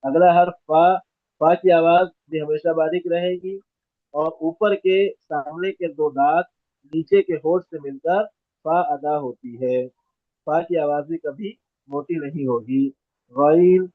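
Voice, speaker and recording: A man's voice: fairly high pitch, no echo. Man teaching letter sounds over a tinny line. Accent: Hyderabad Urdu. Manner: explains articulation, then models letters slowly and repeatedly. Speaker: Quran recitation teacher. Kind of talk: Noorani Qaidah phonetics lesson. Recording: tinny, phone-like dry recording.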